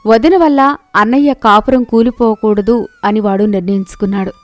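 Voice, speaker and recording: Woman narrating a storybook tale, higher voice. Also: moderate pace, no echo, soft background music.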